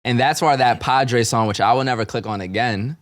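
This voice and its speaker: A man's voice: medium pitch, fairly quick, a bit bright, no room sound, clean studio sound. A man hosting a podcast, talking in a blunt, slangy, casual way and swearing freely. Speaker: podcast host. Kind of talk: casual chat.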